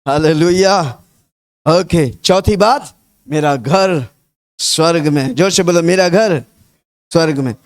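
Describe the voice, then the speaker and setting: Man, preacher, high voice, sermon, rousing call-and-response, repetitive storytelling. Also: takes it slowly, pauses often. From India. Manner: rousing call-and-response, urging the congregation to repeat.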